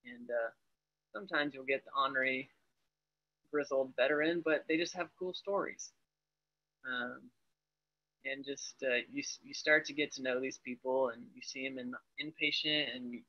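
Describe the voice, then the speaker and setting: The speaker is a young man training as an Air Force family medicine resident, chatting cheerfully and laughing readily in a casual video-call interview. His medium-pitched voice has fairly even intonation at a normal speed. Audio quality is dull, typical of a video call.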